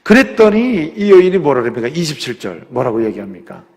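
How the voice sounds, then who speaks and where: A male pastor preaching a sermon, moving from quiet explanation to loud, rising exhortation in a church sanctuary. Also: fairly high pitch, very animated, fairly quick, long reverb tail. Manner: acts out biblical speech in quotes.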